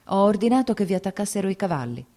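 A woman's voice: mid-range voice, sing-song, quick pace, dark tone, voice pushed up. A woman voicing Lievin, a brooding, jealous young landowner in a read-aloud novel, speaking tersely and with resolve. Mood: curt. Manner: terse, sulky, then resolute.

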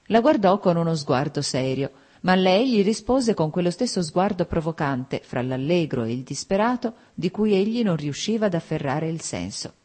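A woman reading an audiobook, narrating a classic novel in a measured, expressive way. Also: fairly low pitch. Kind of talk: scripted literary narration.

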